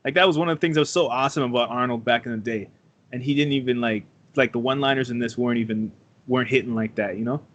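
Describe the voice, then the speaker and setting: A man's voice: medium pitch, rapid-fire, a bit bright, dull audio. A man with a mid-range voice co-hosting a casual podcast. He talks in a loose, laid-back way. He laughs easily and quotes scenes from the film. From Trinidad. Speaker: podcast co-host. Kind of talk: casual movie review chat.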